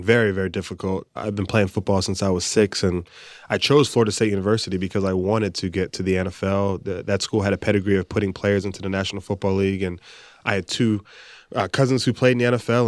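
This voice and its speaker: Low-voiced earnest young man from the Bahamas. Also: fairly even intonation, fast talker, dry recording. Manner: earnest and articulate, some restarts. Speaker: guest, new medical doctor. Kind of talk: interview answers.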